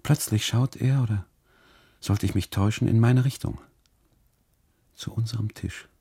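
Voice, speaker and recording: An actor playing a brooding, weary husband on an unhappy holiday, narrating his thoughts slowly and inwardly in a radio drama monologue. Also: warm tone, no echo, exaggerated voice. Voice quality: gravelly, husky low voice. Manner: slow, inward, musing delivery.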